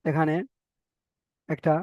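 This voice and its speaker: A man teaching the Arabic alphabet in a patient, slow lesson, with a Bengali accent, stretching out each letter sound as he demonstrates it. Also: no room sound, lo-fi sound. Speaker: Quran reading teacher.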